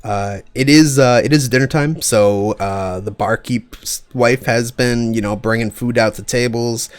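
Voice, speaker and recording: A man's voice: mid-range voice, a little slow, dry recording. A man working as game master, improvising casual narration and joking with the players in a laid-back way.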